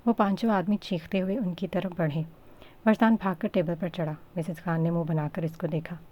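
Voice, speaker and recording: Low-voiced woman narrating a novel. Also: normal speed, highs cut off. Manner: steady, storytelling. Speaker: audiobook narrator.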